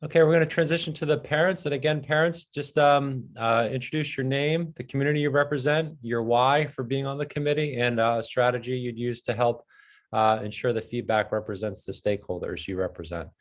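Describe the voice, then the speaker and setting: A man facilitating a meeting, brisk and polite, calling on people one by one over a video call. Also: medium pitch, steady tone. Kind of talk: running a meeting.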